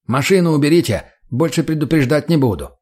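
A man's voice: on the high side, expressive, quick pace, darkish tone. A man reading an audiobook, voicing a curt, dismissive bearded gate guard.

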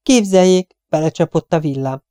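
A rambling, superstitious stout cleaning woman chatters on in a shrill, raised voice, as a male audiobook reader puts her on. The tone stays mellow underneath, and the recording is close and dry. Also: clear, resonant tone, no room sound, lightly acted. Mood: chattering.

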